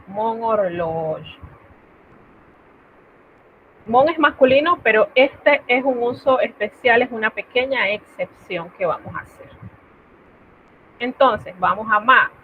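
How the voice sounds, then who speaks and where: A woman teaching French to her students in an online class, explaining patiently in Spanish and checking in with her students. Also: a little high. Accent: Latin American Spanish. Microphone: video call. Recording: tinny phone-like line, faint noise.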